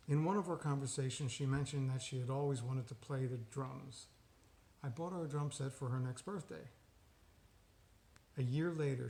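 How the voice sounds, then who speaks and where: A man giving a deadpan, joking birthday tribute to his wife that turns heartfelt. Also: mid-range voice.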